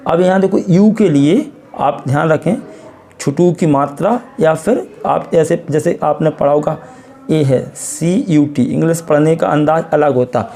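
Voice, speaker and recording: A man's voice: a little high, creaky, warm tone. An Indian man with an Indian accent teaching English reading step by step, patiently repeating words and quizzing the listener. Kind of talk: classroom-style phonics lesson.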